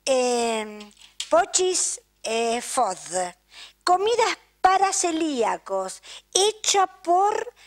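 Older argentine lady hosting local tv, high voice, gushing and chatty, always saying eh. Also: very animated, drawn-out words. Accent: Argentine Spanish. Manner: chatty, effusive, keeps asking "¿eh?". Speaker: TV show host. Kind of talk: casual chat, thanking sponsors to camera. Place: local TV studio.

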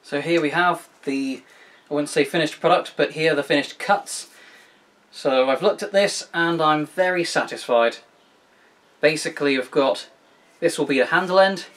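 Man with a slightly raised voice giving a relaxed workshop how-to, chatty and self-deprecating. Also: on the high side. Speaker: woodworking video host. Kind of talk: casual how-to demonstration.

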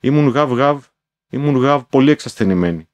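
A man's voice: mid-range voice, lively intonation, voice pushed up, close to an everyday voice. A man voicing a small female lapdog who talks, with barks mixed into her words. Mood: weak.

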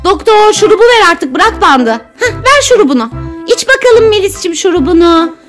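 A woman's voice: very high-pitched, sing-song, moderate pace, fairly bright tone. A young woman, a mother, playfully coaxing and narrating her children's pretend doctor game in a casual home video. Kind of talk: casual family play. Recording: music playing under the voice.

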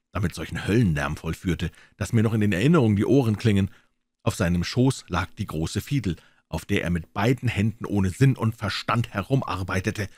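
A man reading a classic story aloud in a theatrical, lively storytelling manner. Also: lowish voice, no room sound. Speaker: audiobook reader. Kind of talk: scripted story narration.

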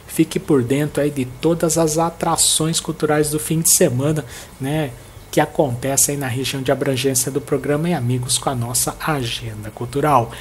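A man in his thirties hosts a regional events show, reading listings and birthday greetings into a headset mic with an upbeat, friendly manner. His voice is fairly high, and a slight hiss or hum sits under it. He's indoors in front of a plain, bright wall.

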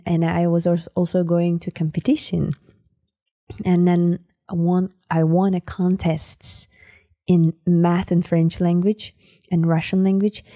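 A woman from the Sakha Republic in Siberia, a native Sakha speaker with a Sakha accent, is a podcast guest in a conversational interview, often searching for words with fillers. Her voice is lowish and mellow, recorded cleanly in a studio with no echo.

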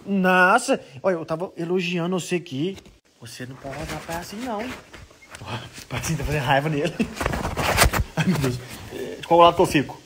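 A man chats in a casual, teasing vlog, his voice high and swinging widely in pitch. He jokes as he talks. Faint noise sits under the recording. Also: moderate pace. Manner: lively, teasing and laughing with animals. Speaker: vlogger.

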